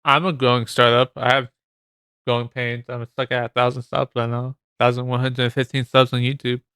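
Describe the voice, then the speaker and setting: Bright, crisp-voiced man reacting bluntly. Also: mid-range voice, little pitch movement, normal speed, no echo. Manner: blunt, skeptical, repeats phrases. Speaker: reaction video host. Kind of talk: casual off-the-cuff commentary.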